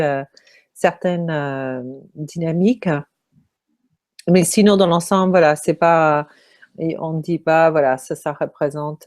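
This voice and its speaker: A hoarse woman speaks in a low, mellow voice as a feng shui consultant fielding interview questions. She talks very slowly and halts often, filling pauses as she searches for words. Her strained voice never quite clears. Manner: halting, many pauses and fillers.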